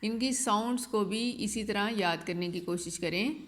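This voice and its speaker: A woman teaching a recorded lesson, speaking slowly and carefully and stressing each sound she names. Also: mid-range voice. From Pakistan.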